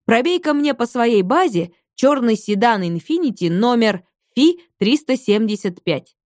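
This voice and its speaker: A woman voicing a patient, persistent middle-aged police major who questions witnesses in a measured way. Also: fairly high pitch, sing-song, darkish tone, dry recording, studio quality, voice pushed up. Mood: questioning.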